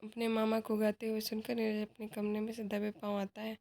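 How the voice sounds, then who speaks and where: A woman's voice: on the high side, monotone, fairly quick, dark tone, a little hiss or hum. A woman tutor reading a play aloud for exam study, speaking the stage directions plainly. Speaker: literature tutor.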